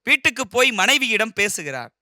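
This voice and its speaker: A man retells a short story with expressive, animated narration. His voice sits high and sounds very bright and forceful. The sound is dry and close. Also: a little fast, no echo.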